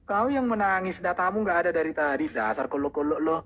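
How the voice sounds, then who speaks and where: A man's voice: fairly high pitch, animated, fast, a bit bright. Combative, mocking man hosting a debate. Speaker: live stream host. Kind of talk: heated live debate.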